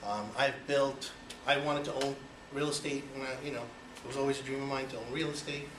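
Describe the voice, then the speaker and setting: Here a Cuban-born man in his forties gives his icebreaker speech briskly, with a steady tone at medium pitch. Chatty and personal, he fills it with "you know"s and rhetorical questions for the audience. The recording comes from an echoey room, with his voice distant and lots of noise.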